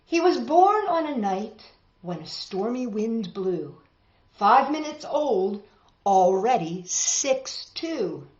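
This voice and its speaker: A woman reads picture books aloud to children in a fairly high voice, taking her time. She is expressive and full of exclamations, drawing out words and tossing in chatty asides. The recording sounds dull and echoey, as if made in an ordinary room.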